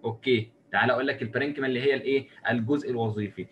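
Rapid-fire Egyptian man lecturing. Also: mid-range voice, slight background noise. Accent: Egyptian Arabic. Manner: asks and answers his own questions in a lively, joking way. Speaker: medicine lecturer. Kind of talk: recorded lecture explaining while drawing.

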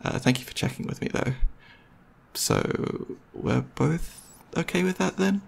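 In an ASMR roleplay, a man plays a caring, goofy, slightly nervous boyfriend, talking intimately and hesitantly to the listener. His husky, slightly gravelly voice sits a little high and sounds unhurried and exaggerated. He comes across as earnest, rambling and playful.

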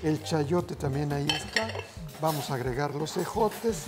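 Speaking a little slowly and expressively in a slightly high voice, a middle-aged man hosts a TV cooking demonstration. He treats viewers like family as he walks through each step, and background music plays on the studio kitchen set.

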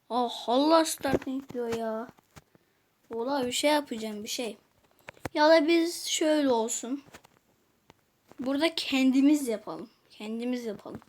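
A woman's voice: sits high, darkish tone. A woman giving casual gameplay commentary, chatting to viewers and muttering to herself as she plays. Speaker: gaming youtuber.

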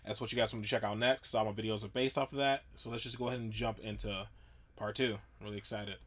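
A man hosting a reaction video, chatting casually to viewers with a low-key, laid-back delivery. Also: fairly even intonation, quick pace, a bit bright. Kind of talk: casual chat to camera.

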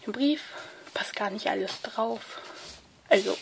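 An excited woman with a stuffy cold vlogs while opening a card-swap letter, chatting casually and reading letters aloud. She's chatty yet hesitant with many fillers, her mid-range voice gravelly and measured against a noisy background. Only her hands are shown from overhead as she sits at an indoor table.

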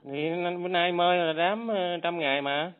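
A man's voice: sits high, moderate pace, clean tone. A man arguing on a phone call, defiant, dismissive and taunting. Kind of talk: heated phone argument. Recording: tinny phone line, dry.

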